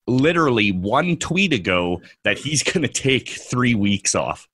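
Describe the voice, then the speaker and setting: A man's voice: medium pitch, very animated, measured pace, a bit bright, slightly rough, no room sound. A man co-hosting a trading podcast, ranting profanely and mocking others in put-on voices. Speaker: podcast co-host, trader. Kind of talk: ranting casual podcast talk.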